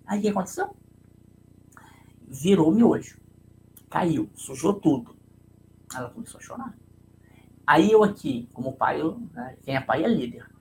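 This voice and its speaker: A man's voice: a little high, expressive, unhurried, pauses often, a little mellow, slight background noise, poor audio. A man with a Brazilian Portuguese accent giving a conversational leadership talk on a live stream, telling a personal story and checking in with listeners through frequent tag questions.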